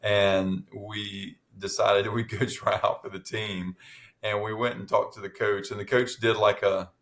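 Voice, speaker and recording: A man's voice: fairly low pitch, level tone, unhurried, a bit bright. A middle-aged man in casual chat as podcast co-host, telling stories with many restarts and fillers.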